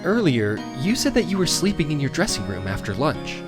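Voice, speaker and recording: In a video game fan dub, a woman with a low voice plays an earnest, dry-witted young male rookie lawyer. She sounds very animated and fairly quick, with an earnest, probing mood, and music plays behind her voice.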